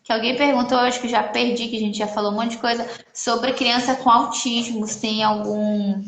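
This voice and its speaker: A woman's voice: a little high, fairly even intonation, normal speed, fairly bright tone. Woman, echoey room. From Brazil. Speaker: co-host of a live stream. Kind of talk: casual live chat.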